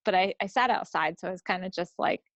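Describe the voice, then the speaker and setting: This woman co-hosts a craft podcast and talks through projects in a relaxed, somewhat hesitant way. Her voice sits on the low side and moves fast. Captured on her side of a video call, the recording is muffled but free of room sound.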